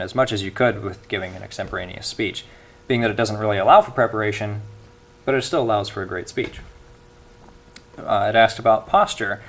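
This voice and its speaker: A man's voice: fairly low pitch, vocal fry. A young man giving an earnest speech evaluation at a club meeting, with frequent restarts.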